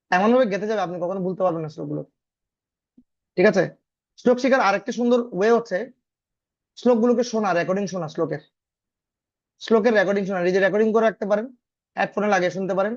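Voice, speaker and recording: A man teaching a scripture class over a video call, explaining step by step with frequent check-in questions and chanting verses slowly in a singsong tone. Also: high voice, no echo, highs cut off. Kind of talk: online scripture lesson.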